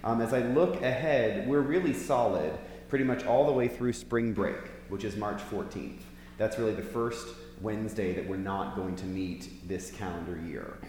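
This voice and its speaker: A man's voice: fairly low pitch, normal speed, darkish tone. A man preaching informally to a church group, conversational and putting questions to his listeners, in a big echoey hall. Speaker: preacher leading a church Bible class. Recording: big hall echo, long reverb, faint hum.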